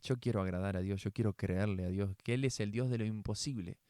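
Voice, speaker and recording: A man's voice: lowish voice, fairly quick, warm tone, dry recording, clean studio sound. A man reading the Bible aloud expressively and adding devotional commentary. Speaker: Bible reader.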